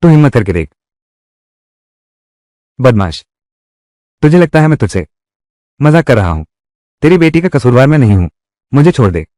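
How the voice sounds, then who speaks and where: A man's voice: medium pitch, big pitch swings, normal speed, long pauses, dark tone, dry recording, studio quality, close to an everyday voice. A man dubbing a menacing tough guy. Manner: threatening, confrontational delivery. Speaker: dubbing voice actor. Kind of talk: Hindi dub of a live-action drama.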